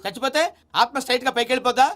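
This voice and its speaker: A man's voice: very high voice, little pitch movement, rapid-fire, a bit bright, slight background noise. An actor playing a grumbling, sarcastic father in a film comedy scene. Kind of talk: Telugu film comedy acting.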